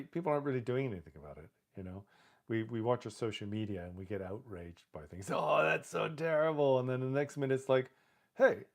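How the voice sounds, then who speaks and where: A man's voice: mid-range voice, a little mellow. Rambling man in a casual livestream. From lives in Canada. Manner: rambling, conversational, with many fillers like "you know" and "right"; laughs now and then while talking. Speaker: livestream host.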